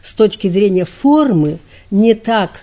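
An older woman, a literature scholar, answering interview questions in a measured, earnest lecturing manner with frequent hesitations. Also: medium pitch, lively intonation, mellow.

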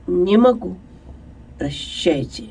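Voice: mid-range voice, lively intonation, takes it slowly, creaky, dark tone, far from the mic, slight background noise. A reader voicing a reserved, stubborn young man who speaks tersely and holds back. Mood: restrained. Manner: terse, restrained. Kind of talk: audiobook character voice.

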